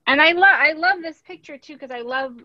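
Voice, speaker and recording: In an echoey room captured with dull, lo-fi audio, a teacher reads a picture book aloud. Her high voice moves briskly, expressive and sprinkled with instructive asides.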